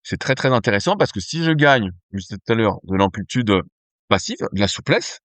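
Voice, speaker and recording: A man's voice: fairly low pitch, animated, fairly quick, a bit bright, no echo. A man explaining strength training on a podcast in a conversational way, with fillers and restarts. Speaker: podcast host, nutrition company cofounder.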